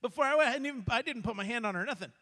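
High-pitched guy pastor telling a church story, lively, trips over his words, big reverb in the sanctuary. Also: very fast. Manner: animated, acts out quotes, frequent restarts. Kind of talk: sermon storytelling. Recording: long hall reverb.

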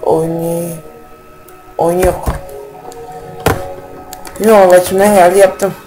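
A man giving casual, rambling let's-play commentary as a gaming YouTuber, slangy and quick to get irritated, with faint game music behind him. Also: sits high, flat delivery, low-quality recording.

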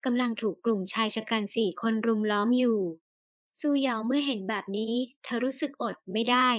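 A woman narrates a novel for an audiobook, reading in a steady storytelling way. Her voice sits a little high, and the recording is dry and close with no room sound. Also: fairly quick, no echo.

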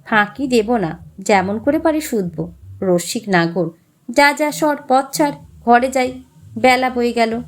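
A woman's voice: a little high, unhurried, lightly acted. A woman voicing a scornful old male village priest who mocks and scolds. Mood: mocking. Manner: mocking, sharp-tongued.

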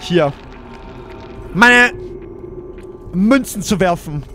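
A man with a hoarse voice giving let's play commentary to viewers, excitable, yelping and shouting when chased. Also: high voice, very slow, a little hiss or hum. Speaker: gaming video creator.

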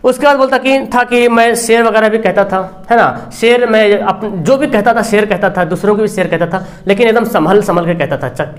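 High-voiced man teaching a story. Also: a little fast, few pauses. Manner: animated storytelling, acting out quoted lines; repeats filler tag "theek hai na". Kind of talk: lecture explaining a story.

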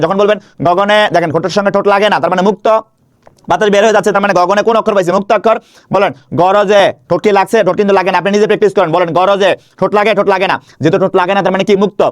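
Rapid-fire man teaching grammar. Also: high-pitched, dry recording. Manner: repetitive question-and-answer drilling. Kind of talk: online video lesson. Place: indoor room.

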